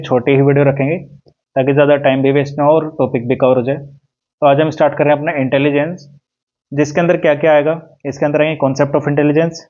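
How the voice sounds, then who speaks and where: A man teaching exam preparation, reading English questions slowly and explaining each answer step by step. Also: on the high side, lo-fi sound. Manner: reads English questions slowly, explains in Hindi with "ठीक है" and "देखो".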